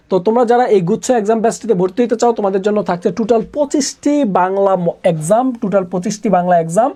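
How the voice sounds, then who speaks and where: A man teaching a live online exam-prep class who repeats each question and answer again and again, pushing students to answer quickly. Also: high voice, a little mellow. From Bangladesh. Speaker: admission exam tutor.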